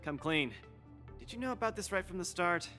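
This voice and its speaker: Earnest young fighter dude in a video game, highish voice, super lively, spirited. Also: male voice, brisk, soft background music. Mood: hurt, questioning.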